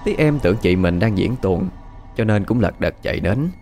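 A male storyteller tells a ghost story, his voice low and full of rises and falls. He stresses the frightening moments with drama. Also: normal speed, faint music behind. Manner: expressive, dramatic. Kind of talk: scripted ghost story narration.

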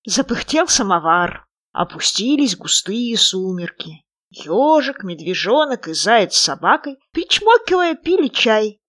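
A woman narrating a children's fairy tale with expressive, lively storytelling. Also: mid-range voice, measured pace.

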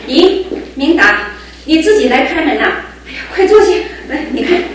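An actress in a radio drama plays a caring middle-aged mother who dotes on and fusses over her grown son, sounding affectionate. Her voice sits high and is animated, at normal speed, with a very noisy recording.

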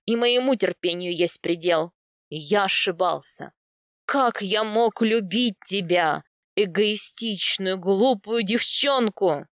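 A woman voicing a furious, domineering male steppe warrior in an audiobook, speaking low and menacing. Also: no echo, studio quality, natural voice. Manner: growling, menacing, loud. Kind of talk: audiobook character voice.

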